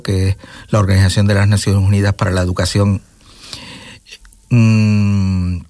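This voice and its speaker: A man in his sixties with a lilt and a fairly low voice. He takes his time, weighing each phrase in a calm interview tone. The sound is dry and close, with no room around it. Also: no room sound. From Gran Canaria, Spain. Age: 60s. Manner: measured, thoughtful, pauses to search for words. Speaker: interview guest, nature reserve director. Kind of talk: casual interview conversation.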